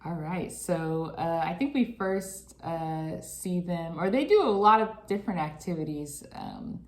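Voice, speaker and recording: A woman's voice: lowish voice, huge pitch swings, a little slow, a little mellow, echoey room. A woman co-hosting a podcast, chatting casually about a reality show with many fillers and laughs. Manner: chatty, lots of fillers and laughs, acts out quotes. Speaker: podcast co-host.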